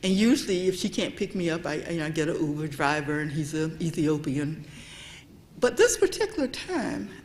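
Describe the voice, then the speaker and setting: A low-pitched, slightly mellow woman's voice with big pitch swings moves at normal speed. She is a guest speaker at a church event, giving a public history talk in a church meeting room. Her delivery is conversational: she asks the audience "okay?" and drops to a near whisper for emphasis.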